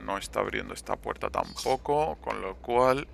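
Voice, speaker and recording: Gravelly Spanish man taunting as he plays. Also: fairly low pitch, lively intonation, normal speed, a little hiss or hum. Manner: swears, taunts players. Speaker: gameplay commentator. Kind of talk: live gameplay commentary.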